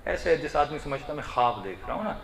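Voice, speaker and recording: A man preaching an emotional sermon, telling a story dramatically with sudden loud surges. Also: on the high side, expressive, vocal fry. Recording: echoey hall.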